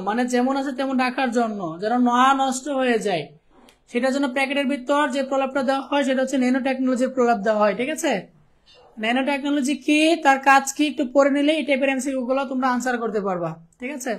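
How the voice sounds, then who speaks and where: Young Bangladeshi man, online class teacher, rapid and conversational, playful with students. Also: very high-pitched. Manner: chatty, teasing students, keeps asking "okay?". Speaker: ICT teacher. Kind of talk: live online class lecture.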